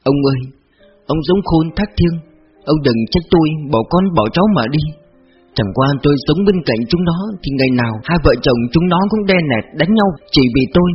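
A man voicing a grieving old grandmother, gentle and resigned, speaking softly and pleadingly. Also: fairly high pitch, expressive, brisk, slightly rough. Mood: mournful. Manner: soft and pleading. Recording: dull lo-fi audio with faint music.

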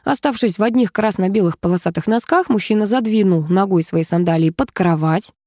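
An audiobook narrator, a woman with a medium-pitched voice, reads a scripted story at a fairly quick pace. Her delivery is lively and expressive, and the clean studio recording has no room sound.

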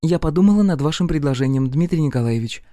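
A man's voice: fairly high pitch, expressive, quick pace, dark tone, no room sound, studio quality, voice pushed up, close to an everyday voice. A man voicing a sweet, vengeful young woman who chirps her words sweetly. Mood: coy.

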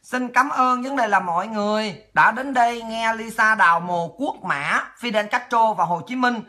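A woman's voice: a little high, moderate pace, bright, forceful tone. A woman hosts a political livestream, scolding and mocking in a profane rant. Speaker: political talk show host.

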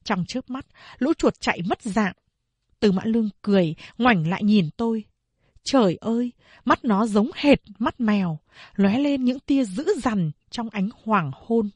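A woman narrating a novel as an audiobook in a steady storytelling manner. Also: fairly high pitch, measured pace, slightly rough, no echo.

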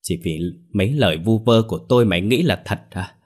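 A man's voice: on the low side, animated, brisk, breathy edge. A man voicing an indignant young woman scolding a man.

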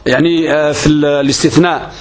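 A man's voice: fairly high pitch, fairly even intonation, quick pace. A man teaching a grammar lesson on a classical text. He works through it step by step, asking questions and answering them himself. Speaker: religious teacher.

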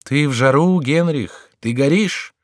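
A man's voice: fairly high pitch, measured pace, no echo, clean studio sound, pitched above the performer's own voice, natural voice. A man voicing a sardonic male court jester who teases and scolds a king in an audiobook. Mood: mocking.

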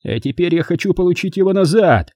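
A man's voice: high-pitched, lively intonation, brisk, darkish tone, no room sound, studio quality, voice pushed up. A man reading an audiobook, voicing a sneering young man with a gun who mocks and drawls in a nasty way. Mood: mocking. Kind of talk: audiobook character voice.

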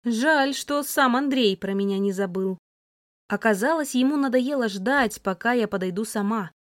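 A woman narrating a first-person novel as an audiobook, lively and voicing the heroine's sharp retorts. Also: fairly high pitch, normal speed, no room sound, studio quality.

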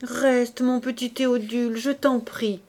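A woman's voice: on the high side, little pitch movement, a little mellow. Woman voicing a fussy old spinster aunt. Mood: fond. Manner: exclaiming, raised and drawn-out.

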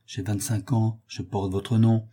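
A man's voice: lowish voice, level tone, a little slow, mellow, breathy edge. A man reading the part of a young viscount who pleads with his father and then schemes aloud. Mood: pleading.

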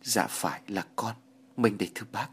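A man voicing a weary middle-aged soldier who speaks softly and stammers in a spoken horror story. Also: fairly low pitch, lively intonation, moderate pace, husky, exaggerated voice. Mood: humble. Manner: soft, stammering, deferential. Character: weary returning male soldier, grief-stricken and gentle.

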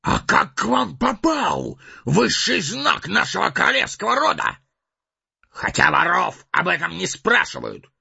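A man's voice: expressive, fairly quick, dull audio, full character voice. A man reading an audiobook voices an enraged, proud older dwarf king in a strained, ranting voice, over faint music. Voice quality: shrill, gravelly and strained when shouting. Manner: ranting, accusing.

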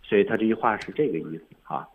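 A man's voice: lowish voice, expressive, fast, creaky, slightly rough, narrow, tinny audio. A man teaching English on a radio lesson, explaining film lines step by step.

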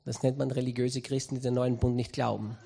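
A man's voice: mid-range voice, fairly quick, gravelly, a crowd in the background. A man preaching, telling a humorous anecdote with acted-out voices. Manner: storytelling, humorous, animated.

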